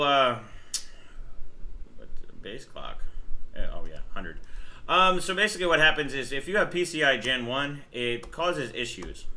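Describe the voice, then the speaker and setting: With a medium-pitched, bright, forceful voice, this New Jersey livestream host chats casually, welcoming viewers and walking through overclocking settings while he works. Slight background noise can be heard.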